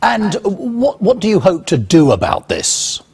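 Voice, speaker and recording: A man presenting the news and interviewing a guest with polite, measured questions. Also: high voice, wildly swooping pitch, creaky, darkish tone, slightly rough.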